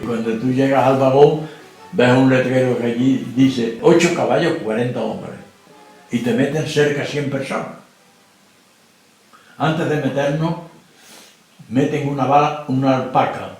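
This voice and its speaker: A very old man from Spain gives blunt documentary testimony in a middle-pitched voice, often stopping to ask whether the listener understands. His voice rings out in a strongly echoing room. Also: a little mellow. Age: older. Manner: plain-spoken, keeps asking if the listener understands. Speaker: interviewee. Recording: very echoey room.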